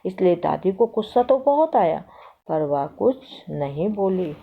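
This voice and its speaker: Woman teacher, low-ish voice, slow and deliberate, reads a story to the class and quizzes the kids, phone-quality sound. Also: big pitch swings, gravelly, breathy edge. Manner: stops to quiz the children and repeats the answers. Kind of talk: reading a textbook story aloud to a class. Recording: tinny phone-like audio.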